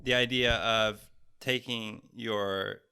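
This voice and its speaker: Bright-voiced man joking through podcast banter. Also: fairly low pitch, steady tone, takes it slowly, clear, resonant tone. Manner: jokey, acts out quotes in offhand voices, laughs often. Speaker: podcast co-host. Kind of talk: casual banter. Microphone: wireless headphones.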